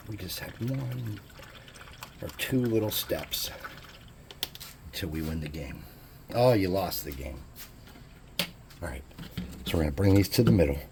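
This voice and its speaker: A man's voice: low voice, lively intonation, moderate pace, vocal fry, long pauses, slight background noise. A man hosting a casual hobby crafting tutorial, chatting in a laid-back, jokey way as he works. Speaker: crafting channel host.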